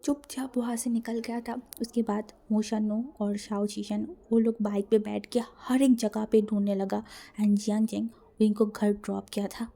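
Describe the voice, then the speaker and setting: A woman's voice: medium pitch, dark tone. A woman narrating a fan-fiction story in a dramatic way, mixing in English words.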